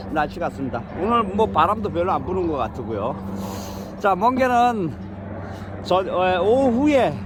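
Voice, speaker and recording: Chatting from his place in the countryside, an older vlogger spins homespun tales and laughs often in this casual narration. His voice sits high, with background noise in the recording.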